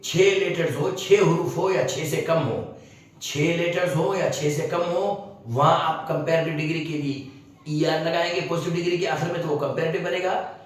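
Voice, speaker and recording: A man explains grammar rules step by step and keeps checking in with a quick question. His voice comes from a little away from the mic. The room adds a strong echo. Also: fairly high pitch. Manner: explains slowly, repeating points and checking with 'right?'. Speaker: English teacher. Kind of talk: video lesson. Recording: echoey room, distant mic.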